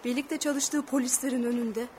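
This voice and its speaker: A woman's voice: high-pitched, fairly even intonation, moderate pace, mellow, slight background noise, natural voice. A woman playing a fussy, practical middle-aged mother who chides her family, in a radio play. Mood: chiding. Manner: chiding, talkative.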